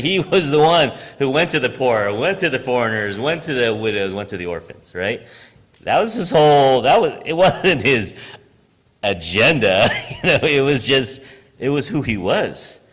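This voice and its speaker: In a church sanctuary's large hall, a preacher who also teaches high school delivers a sermon in a mid-range, fairly bright voice that is very animated and normal in speed. He's conversational and self-deprecating, ending lines with "right?" and laughing at himself.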